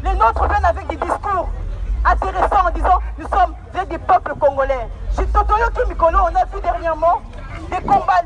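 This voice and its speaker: Woman, street rally orator, fierce and declamatory, high voice, heavy crowd noise around her. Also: low-quality recording. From France. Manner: fierce, declamatory, repeats phrases for emphasis. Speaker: protest speaker. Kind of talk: impassioned outdoor protest speech. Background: loud crowd, traffic.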